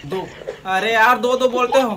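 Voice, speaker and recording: A man's voice: very high-pitched, steady tone, unhurried, background noise. A man playing an exasperated customer at a shop. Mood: bickering. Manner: bickering, repetitive, laughing often. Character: exasperated man arguing with a muddled shopkeeper. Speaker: actor in a comedy skit. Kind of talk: village comedy skit dialogue. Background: loud background music.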